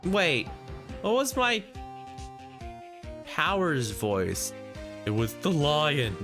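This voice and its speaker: A man plays through a video game with music clearly behind him. He comments casually, thinking out loud. His pace is slow, but his pitch moves around in a lively way. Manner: sweary, musing aloud. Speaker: let's player.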